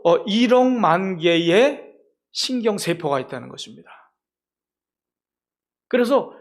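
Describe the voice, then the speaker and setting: A male pastor delivering a sermon in a fairly high voice. He talks emphatically and keeps turning to the congregation with rhetorical questions.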